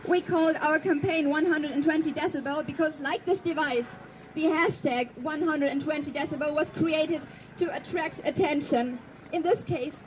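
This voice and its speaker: In a low-quality recording with a bit of hiss or hum, a high-voiced woman gives a prepared speech to an audience. She's an activist from Germany, a native German speaker, speaking earnestly and pointedly and slowing for emphasis.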